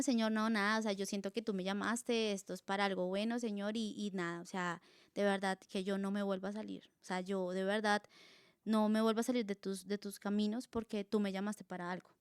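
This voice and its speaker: A young woman with a Colombian accent, a guest telling her personal faith testimony in casual, animated storytelling, acting out her own past dialogue with many fillers. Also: mid-range voice, clean tone, dry recording, studio quality.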